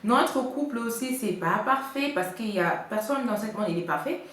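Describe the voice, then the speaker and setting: A woman's voice: a little high, animated, moderate pace, fairly bright tone. Female vlogger from Congo, casual advice chat, hesitant, very echoey room with faint noise. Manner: chatty, with frequent hesitations. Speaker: vlogger giving couple advice.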